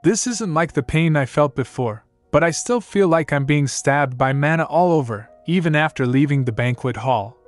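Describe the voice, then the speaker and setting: A man's voice: on the high side, animated, normal speed, hardly any pauses, faint music behind, voice pushed up, lightly acted. A man voicing an anxious young princess, speaking her fretful thoughts in a slightly raised voice. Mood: worried. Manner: earnest, fretful inner thoughts.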